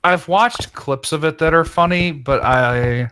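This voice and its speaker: A man's voice: a little high, a little slow, pushed and bright, slight background noise. A man co-hosting a gaming podcast, joking and sarcastic in a playful casual chat. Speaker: podcast co-host.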